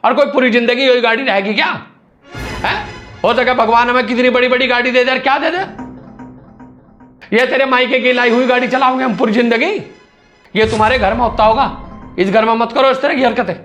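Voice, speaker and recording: A man's voice: extremely high pitch, fairly even intonation, a little fast, pauses often, fairly bright tone, soft background music. An actor playing a young husband who sternly lectures his wife to respect his elder brother, in a scripted family comedy scene. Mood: scolding. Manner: scolding, lecturing, insistent.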